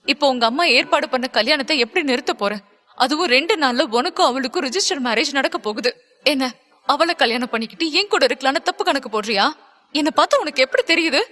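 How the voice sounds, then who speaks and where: A woman's voice: high voice, expressive, fast talker, pushed and bright, long reverb tail. A woman voicing a hurt and angry young woman who accuses her lover, in an audiobook. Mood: bitter. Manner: accusing, bitter, pleading.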